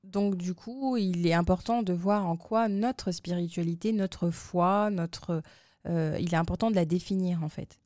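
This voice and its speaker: A woman co-hosting a podcast, explaining things in a measured way with frequent hesitations. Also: fairly low pitch, warm tone, no echo, studio quality. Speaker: podcast co-host. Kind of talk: casual podcast chat.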